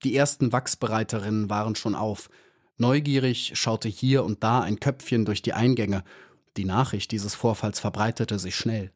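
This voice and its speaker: A man reading a children's storybook aloud in a calm, measured narration. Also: lowish voice. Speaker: audiobook reader.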